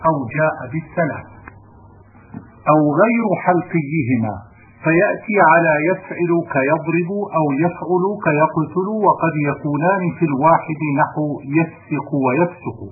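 A man reading a classical grammar text aloud in a steady recitation, sometimes correcting himself mid-word. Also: on the high side, moderate pace. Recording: tinny phone-like audio with faint hiss.

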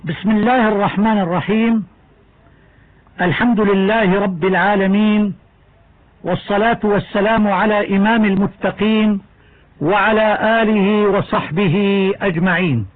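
Brief: male teacher with a high voice, reading a recitation lesson in a measured way, tinny phone-like sound. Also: steady tone. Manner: measured, deliberate delivery, slowing to a drawn-out chant for examples. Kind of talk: scripted lesson narration with chanted verse examples.

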